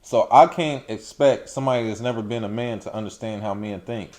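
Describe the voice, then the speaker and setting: A man's voice: on the low side, brisk. Laid-back young man giving advice. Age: 20s. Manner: relaxed conversational, acts out quoted remarks. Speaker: vlog co-host. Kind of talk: casual advice chat.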